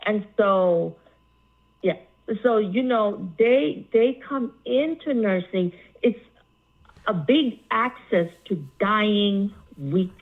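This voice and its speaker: Slow, gravelly woman caller on a phone line. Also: mid-range voice. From Zambia. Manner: slow, earnest, halting with fillers. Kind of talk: call-in talk.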